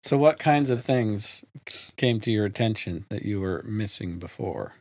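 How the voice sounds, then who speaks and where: A man hosting a podcast, introducing the show and asking a guest measured questions. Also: lowish voice, expressive, no echo. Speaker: podcast host and interviewer. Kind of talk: podcast interview.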